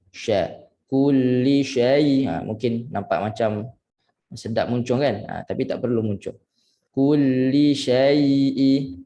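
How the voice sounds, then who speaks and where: Man teaching Quran pronunciation slowly. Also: medium pitch, mellow. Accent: Malaysian Malay. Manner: corrects and demonstrates sounds slowly, repeating syllables. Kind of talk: tajwid pronunciation lesson.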